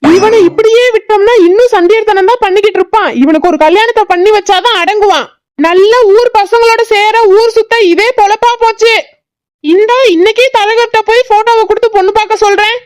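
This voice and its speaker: A woman voicing a grumpy old village grandfather in a cartoon, with a southern Tamil Nadu accent, gruffly scolding and teasing his family. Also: extremely high pitch, brisk, darkish tone, no room sound, clean studio sound. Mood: grumbling. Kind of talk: cartoon voice acting.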